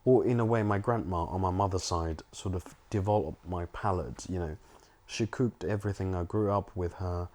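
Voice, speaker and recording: A young Chinese man, a filmmaker and home cook, speaks in a documentary interview with a deep, slightly mellow voice. He is reflective and hesitant, restarting often and using many fillers.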